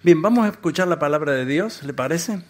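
A man from Argentina, preaching a sermon in short phrases and pausing for an interpreter. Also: a little high, expressive. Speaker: guest preacher.

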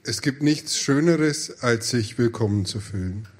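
A man's voice: medium pitch, animated, unhurried. A man interpreting a sermon phrase by phrase, with hesitations and self-corrections.

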